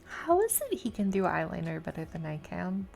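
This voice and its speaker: A woman's voice: fairly low pitch, sing-song, brisk, gravelly, a little mellow, faint music behind. A woman with an American accent giving casual live commentary as she streams a game. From United States. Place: indoors at a PC, game music behind.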